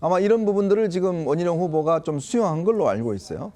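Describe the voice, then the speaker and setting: A man giving political analysis on a talk show, explaining at length in a measured way. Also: high-pitched, lively intonation, mellow. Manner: explanatory, measured, with small laughs. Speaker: political commentator.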